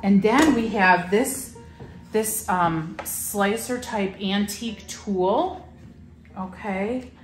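A woman's voice: mid-range voice, extremely slow, echoey room, noisy background. Chatty woman showing decor items. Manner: chatty and enthusiastic, lots of fillers. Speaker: shop host presenting items for sale. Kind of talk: casual product showcase. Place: indoor shop room full of farmhouse decor.

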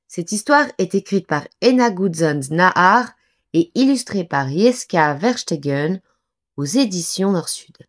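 A woman storyteller narrating bedtime stories for children in a gentle, soothing way. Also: fairly low pitch, lively intonation, a little slow.

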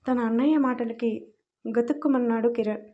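A woman reading a story aloud in a lively, expressive narration. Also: a little high, moderate pace, narrow, tinny audio.

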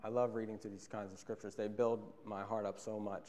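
Earnest young preacher in a reverberant church. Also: male voice, fairly low pitch, little pitch movement, a little fast, darkish tone. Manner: earnest, repeats key phrases for emphasis. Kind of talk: sermon. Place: church sanctuary, at a pulpit. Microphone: pulpit microphone on a stand. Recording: long church hall reverb.

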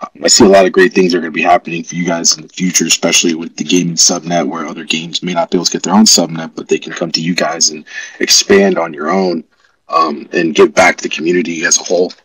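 Deep-voiced man on a distant headset. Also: little pitch movement, fast talker, fairly bright tone, breathy edge. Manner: upbeat, enthusiastic. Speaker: crypto project community member. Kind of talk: casual online audio chat. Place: office. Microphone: headset mic.

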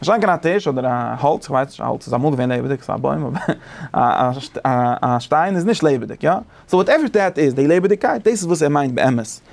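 Fast gravelly man teaching. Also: on the high side. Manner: animated, thinking aloud with many restarts. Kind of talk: casual study lesson.

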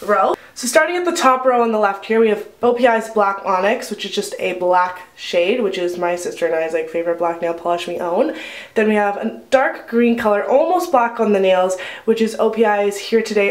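A young adult woman chatting casually as a beauty vlogger, informal and conversational, in a bathroom with a big echo. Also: medium pitch. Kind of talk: casual chatty video narration. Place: indoors, echoey bathroom.

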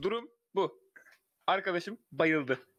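A man in casual role-play chat, excitable and pleading, laughing often. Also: high voice, takes it slowly.

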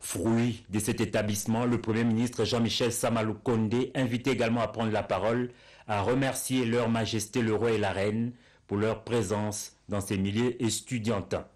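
A man reading a scripted news report in a steady, formal way. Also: lowish voice, normal speed.

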